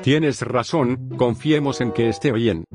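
A man plays a curious young sidekick in a cartoon comedy. He, slangy talk and a medium pitch, with clear music behind. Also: unhurried, close to an everyday voice. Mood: worried. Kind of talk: animated comedy dialogue.

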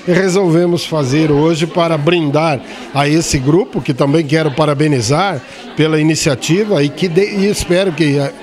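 A man's voice: on the high side, fairly even intonation, normal speed, darkish tone. A man in his fifties, a farm owner, answering an on-site interview with many hesitant fillers. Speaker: farm owner hosting the event. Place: indoor hall at a farm event. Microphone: handheld mic held by interviewer. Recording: crowd chatter behind.

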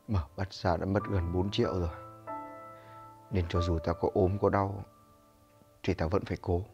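An actor playing a lonely, overworked young shop owner who talks in a weary, apologetic way. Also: male voice, deep voice. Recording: muffled audio over music. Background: music.

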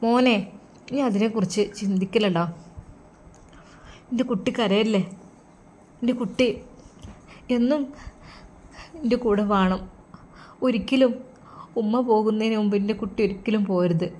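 A woman's voice: medium pitch, a little slow, pauses often, a little mellow, a little hiss or hum, lightly acted. Woman doing a tender anxious mother. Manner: tender, soothing, pleading.

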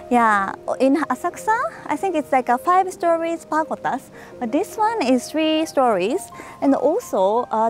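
Woman, travel vlogger, breathless on temple steps, unhurried and high, faint music underneath. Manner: exclaims often, laughs a lot, searches for words. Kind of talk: casual walking vlog. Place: outdoors at a temple with many steps.

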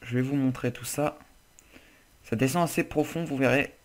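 A man hosting casual game commentary. He sounds chatty and loose, with plenty of joking and casual swearing. His voice sits at an ordinary middle pitch. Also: normal speed. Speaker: gaming channel host.

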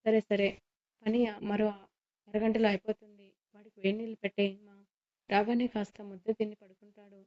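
A woman voicing a short-tempered middle-aged father-in-law who scolds and shouts, on a slightly muffled recording. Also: medium pitch, little pitch movement, brisk, close to an everyday voice. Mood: irritated.

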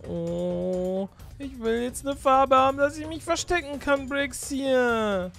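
A woman streaming a game, chatting excitedly with her co-player and the viewers and exclaiming in quick bursts. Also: sits high, gravelly, soft background music. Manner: jumpy, exclaiming, repeats words in bursts. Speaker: gaming YouTuber. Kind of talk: excited gameplay chat.

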